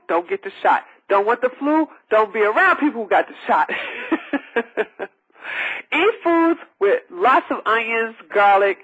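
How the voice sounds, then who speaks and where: Broadcasting over a phone line, this radio health advice host has a very high, slightly bright and husky voice, captured in a rough recording. His call-in show talk is rambling and repetitive, packed with fillers and restarts, and he gets emphatic and preachy.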